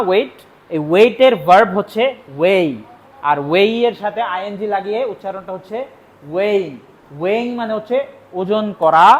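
A man's voice: high-pitched, a bit bright. A young man from Bangladesh teaching vocabulary in a classroom lesson, explaining patiently and repeating key words. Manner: explains patiently, repeats words, asks and answers his own questions. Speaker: spoken English teacher.

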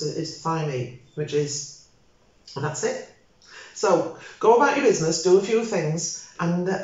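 An older woman hosting a home cooking video, chatting casually and rambling as she cooks at her table. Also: fairly low pitch. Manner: chatty, rambling, self-correcting. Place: home dining room, indoors. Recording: very echoey room, dull lo-fi sound.

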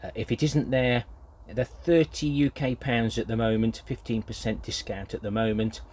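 An older British grandfather who runs a gardening vlog reviews a product casually and off the cuff, hesitating and rambling. His medium-pitched voice is a little mellow, with a flat delivery and a moderate pace.

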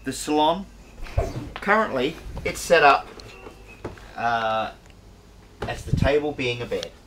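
A man's voice: mid-range voice, slow. Middle-aged guy showing off a boat, laid back, lots of ums, outdoor noise on the camera mic. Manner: relaxed, plain-spoken, hesitant fillers. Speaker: boat charter owner giving a tour. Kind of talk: casual walkthrough tour. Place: aboard a catamaran, cabin and open cockpit.

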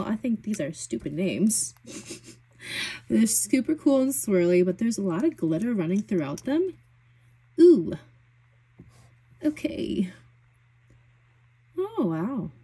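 A young woman vlogging about beauty products in a casual, gushing, chatty way, full of fillers and excitement. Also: medium pitch, slow pace, slightly rough. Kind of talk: casual product swatching chat.

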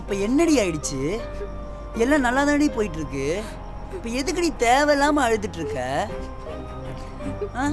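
Man playing a young husband pleading for calm. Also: very high-pitched, moderate pace, long pauses. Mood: exasperated. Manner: pleading, soothing, repeats please. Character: young husband trying to calm his pregnant wife. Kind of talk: Tamil web series drama, dubbed. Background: film score music.

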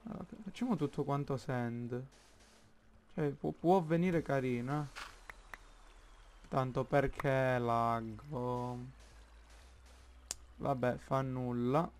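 Slow, halting Italian man narrating gameplay. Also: medium pitch, darkish tone, a little hiss or hum. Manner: slow, halting, thinks aloud with many fillers. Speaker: gaming YouTuber. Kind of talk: Minecraft let's play commentary.

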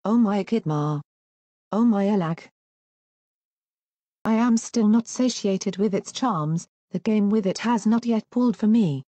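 A woman's voice: mid-range voice, a little slow, pauses often, mellow, no room sound, close to an everyday voice. A woman voicing a proud young warrior king from a storybook, who laments and gives stern instructions. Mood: lamenting. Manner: lamenting, then commanding. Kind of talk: storybook reading.

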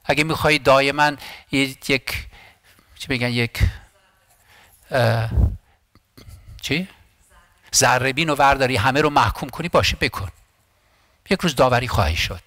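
A man's voice: medium pitch, long pauses, sharp tone, no echo. A man preaching a sermon as pastor, impassioned and emphatic, repeating phrases and often restarting words.

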